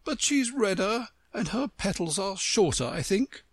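Woman voicing a high, snooty talking rose. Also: animated, a little slow, slightly rough, no echo. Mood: matter-of-fact. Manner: condescending, severe. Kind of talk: scripted storybook reading.

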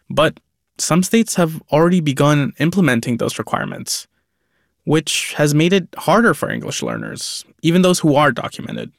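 A man's voice: a little high, gravelly, dry recording, studio quality. A man reporting on a news podcast, explaining his findings steadily.

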